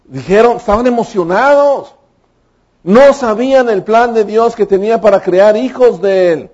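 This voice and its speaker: A man's voice: high-pitched, measured pace, darkish tone. A man, preaching a sermon with emphatic, fervent delivery. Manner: emphatic, rising to fervent exclamations. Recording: dull lo-fi recording.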